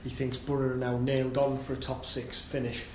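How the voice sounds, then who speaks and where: A man hosting a casual football podcast, relaxed and conversational, leading the questions. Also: medium pitch, brisk, a little hiss or hum. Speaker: podcast host. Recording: echoey room with faint ambience.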